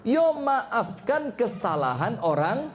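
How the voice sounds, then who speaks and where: A middle-aged man with a Javanese accent giving a jokey, animated sermon to a congregation and putting questions to the audience. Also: very high-pitched, slow pace. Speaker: Islamic preacher. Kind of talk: lively sermon to a live congregation.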